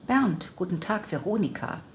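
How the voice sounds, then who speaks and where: A woman's voice: fairly low pitch, lively intonation, moderate pace, a little hiss or hum, close to an everyday voice. A woman voicing a curt, demanding ex-husband, on slightly dull audio.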